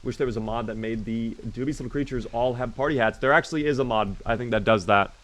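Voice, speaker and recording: Quick and a bit bright, his medium-pitched voice carries casual live commentary as he plays. He keeps reading chat and responding to viewers, and his voice shows recent strain.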